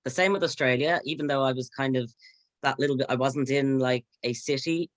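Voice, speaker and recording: A man's voice: medium pitch, a little fast, no echo. An Irish man in his late twenties, chatting as an interview guest in a rambling way with plenty of "you know"s. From Ireland, North County Dublin. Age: late 20s. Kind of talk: casual interview chat.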